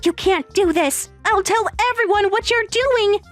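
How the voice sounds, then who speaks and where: A woman voicing a panicked, entitled young wife in a dramatized text story, pleading and shrill. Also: animated, measured pace, soft background music. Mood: desperate.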